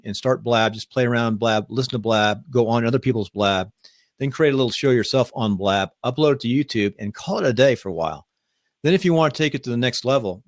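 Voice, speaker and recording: A man hosting a live online talk show, chatting casually in a rambling, upbeat way and pitching his ideas to guests. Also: no echo, studio quality. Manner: rambling, upbeat, self-promoting. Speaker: podcast host. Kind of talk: casual live-stream chat.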